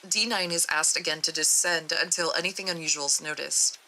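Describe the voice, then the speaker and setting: A young woman streamer reading a horror article aloud, steady with small stumbles. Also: low-pitched, a little fast, poor audio.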